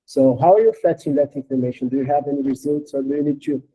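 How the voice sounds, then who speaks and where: A man on a video call asking questions in a casual technical meeting, halting with many restarts, his audio garbled and robotic. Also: dark tone. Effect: garbled, robotic low-quality call audio.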